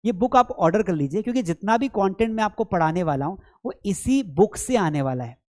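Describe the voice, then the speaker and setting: Speaking fairly quickly with lively intonation, this man has a high-sitting voice and a darkish tone. He's an Indian-accented Hindi speaker who teaches spoken English, and in this live online lesson he lectures playfully, chats, teases, and addresses students as "beta," though an hour of talking has strained his voice.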